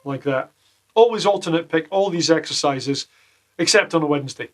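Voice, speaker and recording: Jokey guitar teacher over loud guitar. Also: male voice, fairly high pitch, moderate pace. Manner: jokey, deadpan asides. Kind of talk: casual video lesson. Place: small home studio. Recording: loud guitar playing behind the voice.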